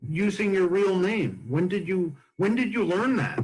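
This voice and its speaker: A man's voice: sits high, sing-song, unhurried, darkish tone, rough recording. A man in his sixties hosting a casual comedy chat, joking and telling anecdotes. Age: 60s. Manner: jokey, tells anecdotes. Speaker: host.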